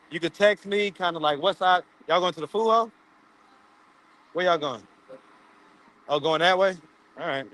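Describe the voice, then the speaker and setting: A man's voice: high-pitched, sharp tone. A man, hosting a casual live stream from his phone, loose and playful, laughing often. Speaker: livestream host. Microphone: phone camera.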